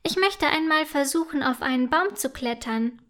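A woman voicing a tiny, cheerful young female forest elf who talks eagerly and brightly. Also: sits high, lively intonation, normal speed.

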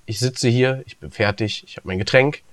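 A man with a mid-pitched voice chats and teases on a podcast, talking freely with a dry sense of humor. His voice is recorded dry and close on his own recorder at home. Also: moderate pace, no echo. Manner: teasing and talkative, with dry humor. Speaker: podcast co-host. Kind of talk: casual podcast chat. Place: at home, on a video call. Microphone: own recording device.

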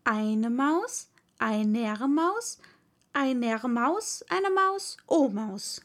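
A woman's voice: on the high side, big pitch swings, very slow, exaggerated voice. A woman voicing a polite, curious little girl in a read-aloud story, eager and chatty, sometimes apologetic. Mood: calling out. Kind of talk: audiobook reading.

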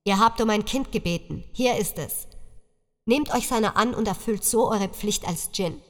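A woman's voice: medium pitch, normal speed, big-room sound, natural voice. A woman voicing a stern male clan judge who speaks in solemn, formal pronouncements, with music underneath.

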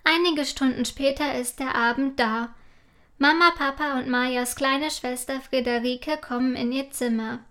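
A woman reading a children's bedtime story aloud in a gentle, calm manner. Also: high voice, a little slow.

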